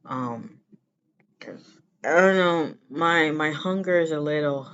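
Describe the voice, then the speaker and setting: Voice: mid-range voice, slow pace, fairly bright tone, clean tone. A vlogger chatting casually to the camera in a rambling way, repeating phrases for emphasis. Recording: muffled lo-fi sound with background noise.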